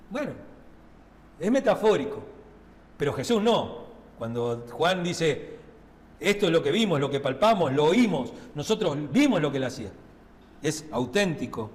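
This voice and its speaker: A man with a high voice and a Rioplatense Spanish accent preaches in a chatty, conversational way and keeps checking in with his listeners. His voice rings through a church with a long hall reverb. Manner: conversational preaching with frequent tag questions. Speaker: pastor. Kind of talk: sermon. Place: church sanctuary.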